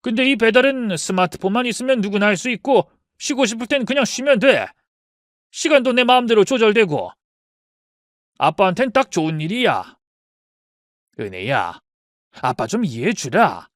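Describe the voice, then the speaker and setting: A man's voice: sits high, very animated, normal speed, pauses often, a bit bright, no room sound, studio quality. An actor voicing a cheerful, stubborn retired father in his sixties, coaxing his worried daughter in a dramatized story.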